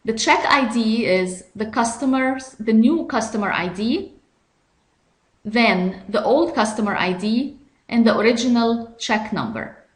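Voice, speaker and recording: A fairly high-voiced woman narrates a software tutorial, moving slowly and step by step. Her tone is measured and instructional, and the audio has a noticeably echoey, roomy sound.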